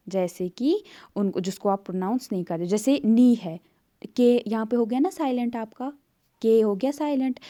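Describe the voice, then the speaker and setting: A woman's voice: mid-range voice, dark tone. A woman tutor walks through an exam paper in a conversational way, explaining step by step with many fillers.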